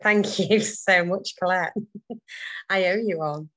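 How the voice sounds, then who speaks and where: A woman's voice: lowish voice, slow, fairly bright tone. A middle-aged woman giving a chatty impromptu speech over a video call about her childhood, with laughter slipping into her words. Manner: chatty, laughing as she talks.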